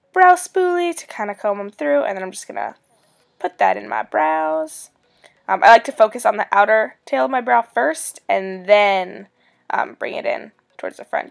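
A beauty vlogger in her twenties chats upbeat through a makeup tutorial. Her mid-range voice is raspy because of a cold.

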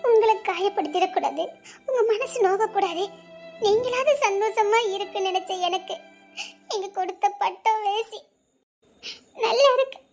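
A woman's voice: extremely high pitch, moderate pace, pauses often, a little mellow, soft background music. A woman voicing a wounded young wife who speaks in a tearful, bitter, accusing way in a spoken drama. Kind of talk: Tamil audio drama acting.

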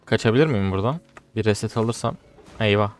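A young man commentating his own gameplay, getting frustrated and swinging between low muttering and loud outbursts. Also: fast talker, soft background music. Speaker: gaming streamer.

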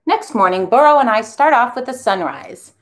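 A woman who teaches a children's music class, reading a storybook aloud in an expressive, animated way. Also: fairly high pitch, normal speed.

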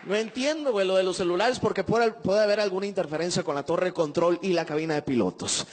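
A man's voice: sits high, quick pace, long reverb tail. A man from Monterrey with a northern Mexican accent, performing a profane, slangy stand-up routine. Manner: profane, slangy, animated storytelling. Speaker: stand-up comedian.

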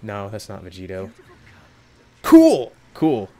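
A young man hosting a mobile game summoning video, talking casually to viewers and yelping with excitement between low muttered comments. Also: moderate pace. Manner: excitable, jumps into high yelps when hyped, muttering between pulls. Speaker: gaming video host. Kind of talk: casual gacha summon reaction.

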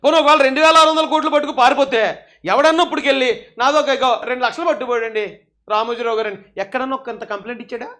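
A man's voice: very high voice, fast talker, sharp tone. A man giving heated political commentary, mocking and scolding his opponents in a sarcastic, taunting way.

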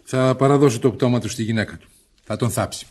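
An actor playing a grim, cold husband in a radio drama, with a low, heavy voice. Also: male voice, slight background noise, natural voice. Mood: grim, dazed. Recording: old radio archive recording.

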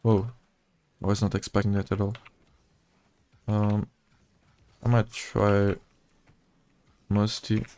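A gaming video creator with a Portuguese accent gives casual commentary over his own gameplay. His male voice is low-ish, soft, and mellow, flat and low-key as though half talking to himself, and he speaks slowly with long pauses.

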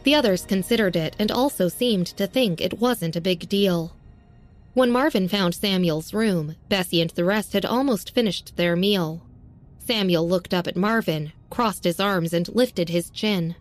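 A woman narrating a serialized audio story in a steady, even reading. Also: medium pitch, unhurried, soft background music.

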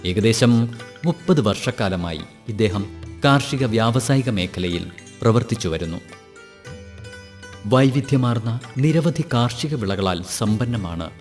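A man's voice: medium pitch, darkish tone. Man narrating a farm program over music. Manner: measured, formal announcing. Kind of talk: scripted radio feature narration.

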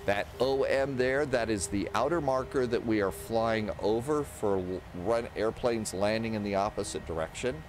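With a fairly low pitch, normal speed and hardly any pauses, a man in his sixties talks himself aloud through a flight simulator in a casual instructional way. He's at a close desk microphone in his indoor home streaming setup, backed by the steady noise of simulated aircraft engines and cockpit.

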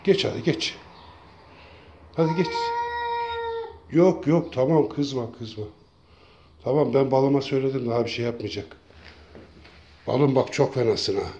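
A man talking casually to his cats, calling them over and over in a coaxing way and now and then gently scolding them. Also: medium pitch, a little slow, pauses often, dull audio, slight background noise. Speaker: cat feeder. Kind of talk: casual talk to pets.

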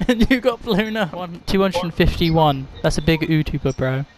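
Hosting a gaming video, this young man talks at a moderate pace in a voice on the high side. His chat is casual, full of swearing and laughter, and he gets loud and excited as game gunfire plays in the background.

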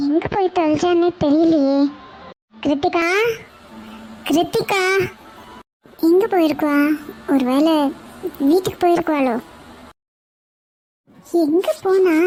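A woman's voice: very high-pitched, darkish tone, a little hiss or hum. A woman voicing an anxious mother in a cartoon, worried and scolding as she calls out for her missing daughter. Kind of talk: cartoon voice acting. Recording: faint music behind voice.

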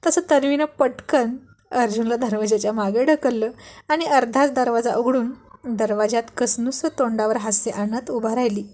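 A woman from Maharashtra narrating a romantic story, acting out both lovers' lines in lively dialogue. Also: a little high, normal speed.

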